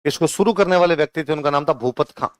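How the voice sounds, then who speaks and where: A slightly high-pitched male teacher with a Rajasthani Hindi accent rattles off questions and answers them during an exam-prep lecture. Afterwards he slows down, dictating notes line by line and repeating each. The close recording has no room sound, leaving his voice clear and resonant.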